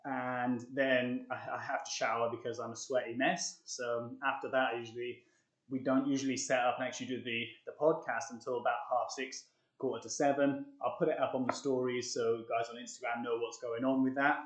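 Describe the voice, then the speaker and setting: A man's voice: mid-range voice, level tone, brisk. A young man with an upbeat, chatty manner, coaching a live-streamed workout tutorial and out of breath between sets of push-ups. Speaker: fitness coach. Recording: echoey room.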